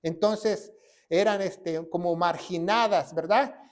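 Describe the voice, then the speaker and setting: A man preaches a sermon in a notably high voice. He tags his points with rhetorical questions and lifts into sudden loud emphasis. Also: takes it slowly. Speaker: pastor.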